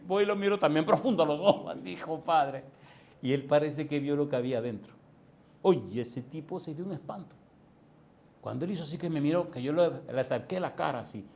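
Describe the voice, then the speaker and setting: A man's voice: fairly high pitch, a little mellow. A Dominican pastor preaching a sermon, telling a folksy story and chuckling at his own anecdotes.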